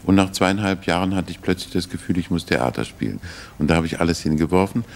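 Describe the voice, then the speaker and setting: An older man, an actor, recalling his career in a relaxed interview, thoughtful and anecdotal with small restarts. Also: deep voice, fast talker, vocal fry.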